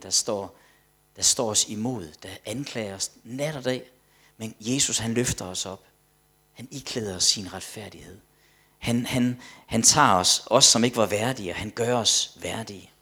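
With a lowish, husky voice, a man delivers a sermon emphatically, alternating booming proclamations with quiet asides. He repeats words frequently to build toward each point.

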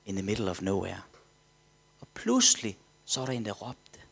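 Preacher telling a lively story. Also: male voice, fairly low pitch, gravelly, breathy edge. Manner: animated storyteller, drops to whispers, acts out quotes. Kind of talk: sermon testimony storytelling.

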